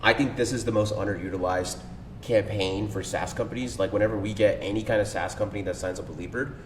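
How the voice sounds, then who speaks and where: A podcast guest who owns a cold email agency speaks quickly with fairly even intonation, using lots of slang and fillers in an enthusiastic, casual way. The sound is echoey, with a distant mic and a faint rumble.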